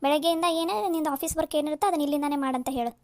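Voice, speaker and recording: Woman playing a lively cartoon daughter, high and fast. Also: dry recording, clean studio sound. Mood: insistent. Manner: chatty, insistent.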